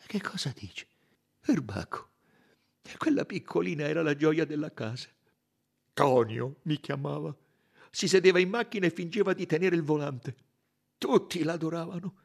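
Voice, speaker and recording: A man voicing a loud, defensive Italian chauffeur in an audiobook, blustering and emphatic. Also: medium pitch, big pitch swings, breathy edge, pitched above the performer's own voice. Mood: tender. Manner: blustering, emphatic, quick to protest. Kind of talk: audiobook character reading.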